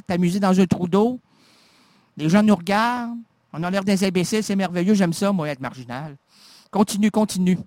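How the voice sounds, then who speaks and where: A Québécois radio host with a notably high voice spins a playful, absurd monologue, stumbling over words and restarting as he goes. The studio sound is dry and close, with no room around him. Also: no echo. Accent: Québécois French. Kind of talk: rambling comic radio monologue.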